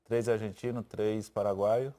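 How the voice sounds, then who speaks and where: A man chatting as a sports commentator on a studio panel, with quick conversational interjections. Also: on the low side, little pitch movement, warm tone.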